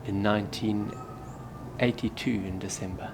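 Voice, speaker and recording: A man in his thirties from Zimbabwe, a Buddhist monk answering interview questions in a soft, hesitant way that often trails off quietly. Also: lowish voice, fairly even intonation, normal speed, gravelly, noisy background. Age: 30s.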